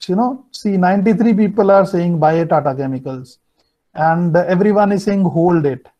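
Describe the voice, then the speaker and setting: High-pitched North Indian man teaching online. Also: moderate pace, dark tone. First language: Hindi. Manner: explanatory, repeats and checks with students. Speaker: finance teacher. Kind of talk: online class lecture, switching between two languages. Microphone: computer mic on video call. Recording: dull, lo-fi video-call audio.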